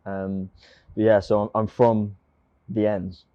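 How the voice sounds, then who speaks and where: A man's voice: on the low side, flat delivery, slow pace, mellow, highs cut off. A young man from England with a southern English accent, a guest in a casual chat who jokes about himself and often says "um" and restarts his sentences. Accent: English, from near London. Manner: joking and self-mocking, many fillers and restarts. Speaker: guest, rugby player.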